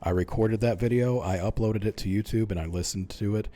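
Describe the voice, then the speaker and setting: A young man giving casual gameplay commentary in a monotone, relaxed way, speaking close into a microphone while leaning back at home. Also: fairly low pitch, a little fast. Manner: self-described monotone, relaxed and mumbling. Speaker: gaming YouTuber. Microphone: close microphone in front of mouth.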